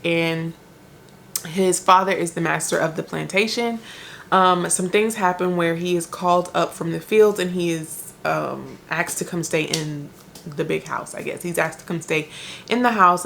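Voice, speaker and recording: A young woman with a low, gravelly voice talks casually about books in a chatty vlog. She rambles and corrects herself as she thinks out loud. A faint hiss sits under her voice. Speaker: book vlogger. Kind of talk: chatty book review vlog.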